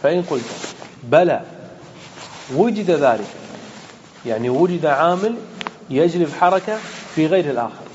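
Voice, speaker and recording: A man's voice: on the high side, expressive, moderate pace, long pauses, a little mellow, muffled recording, slight background noise. Arabic grammar sheikh teaching his class. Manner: explains step by step, asks the class questions and answers them himself. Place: lecture room with students present.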